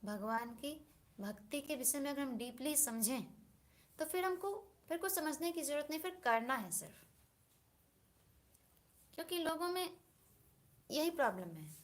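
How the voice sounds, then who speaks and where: A woman giving a devotional discourse, reasoning earnestly and asking her listeners rhetorical questions. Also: high-pitched. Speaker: spiritual speaker.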